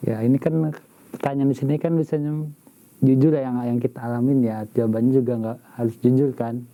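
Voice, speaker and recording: A man's voice: mid-range voice, fairly even intonation, brisk, mellow. A man in his twenties, an office assistant, giving casual, hesitant interview answers. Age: 20s.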